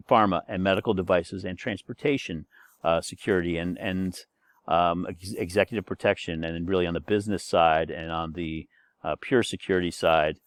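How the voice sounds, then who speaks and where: A man in his sixties, with a low voice, introduces a recorded course as its instructor. He's chatty and rambling, full of fillers and restarts, and the recording is dry.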